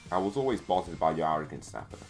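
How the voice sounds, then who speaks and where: A cold, taunting tyrant read by a low-voiced man. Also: lively intonation, fast, faint music behind. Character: cold arrogant male alien tyrant.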